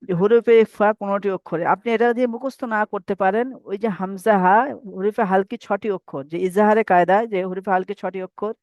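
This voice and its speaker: A man's voice: high-pitched, steady tone, fast, a little mellow, dry recording. A man teaching Quran recitation rules in a patient, repetitive way and having students recite after him. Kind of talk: online tajweed lesson. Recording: dry, dull lo-fi mic.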